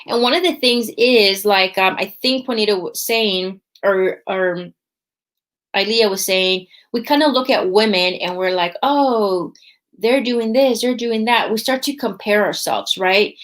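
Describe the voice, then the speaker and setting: A woman hosts a faith podcast in a chatty, talkative way, frequently tagging her lines with "right?". Her voice is medium-pitched and a little slow.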